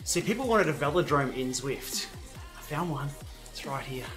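An Australian man hosting a live indoor ride, out of breath, commenting between efforts and bursting into excited shouts. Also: mid-range voice, moderate pace, soft background music. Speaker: cycling channel host.

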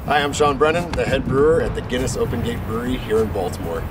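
A man's voice: medium pitch, animated, fast talker. A man, a head brewer, speaking thoughtfully with some hesitation about the brewery and beer ideas. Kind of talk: casual promo chat. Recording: distant mic with music behind.

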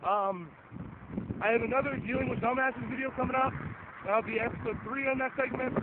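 In a very high voice with a steady tone and a brisk pace, a tired young man who is losing his voice rambles casually for his vlog. He swears offhandedly and fills his speech with fillers while walking a windy suburban road, phone held at arm's length and an earphone mic in use. Wind noise rides over the tinny, phone-like recording.

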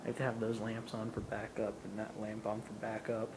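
A man's voice: fairly low pitch, monotone, brisk. A man giving a casual handheld video tour of ceiling fans in a condo, rambling with many ums. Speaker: ceiling fan video maker. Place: condo apartment indoors, then outdoors on a high balcony. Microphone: handheld camera mic. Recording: noisy handheld camera audio.

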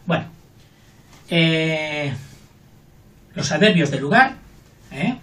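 A man's voice: a little high, expressive, very slow, fairly bright tone, distant mic. An older man gives a casual, playful grammar lesson. He talks in a chatty way and acts out little everyday scenes. He sits back from the microphone in a roomy, echoing space. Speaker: teacher. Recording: roomy, voice from off the mic.

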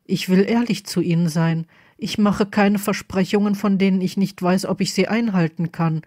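A woman's voice: mid-range voice, fairly even intonation, moderate pace, mellow, dry recording, studio quality, lightly acted. Woman reading an earnest, careful young wizard. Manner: careful, honest.

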